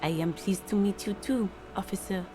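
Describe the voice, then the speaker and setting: A man doing a falsetto-ish gardener woman, polite and obliging, raising his voice well above his own and speaking softly. Faint game music plays behind her. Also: normal speed, lightly acted.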